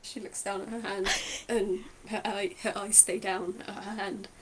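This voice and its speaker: A woman's voice: mid-range voice, little pitch movement, normal speed, a little hiss or hum. A woman player narrating her character's actions in a tabletop game.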